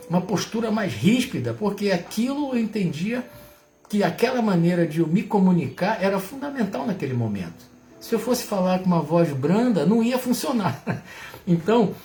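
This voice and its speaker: A middle-aged Brazilian man speaks in a fairly high, lively voice that rises and falls widely. He talks casually to his live viewers and closes many phrases with a questioning tag. The room adds a noticeable echo. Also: slight background noise. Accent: Brazilian Portuguese. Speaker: host of a reflection livestream. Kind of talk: reflective talk to live viewers.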